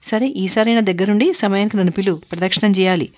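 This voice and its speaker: A woman's voice: mid-range voice, fairly even intonation, a little mellow, close to an everyday voice. Woman playing a bossy pious old mother-in-law. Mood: commanding. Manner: commanding, brisk, giving orders.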